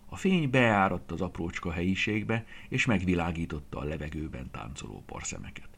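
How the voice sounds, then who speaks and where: A man narrating a children's story in an expressive, lively reading voice, sometimes dropping to a whisper. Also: low-pitched, creaky, slightly rough.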